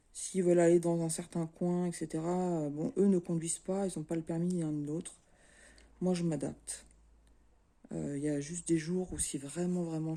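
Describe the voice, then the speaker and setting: A middle-aged Frenchwoman who makes craft vlogs chats casually to camera in a low-sitting voice. She's relaxed and easygoing with her viewers, using lots of fillers.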